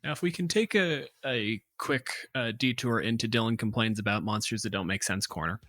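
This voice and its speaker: Brisk and fairly bright, a lowish male voice co-hosts a tabletop gaming podcast, casually analyzing game monsters. He's articulate, emphatic, and opinionated, captured in a dry, studio-quality recording.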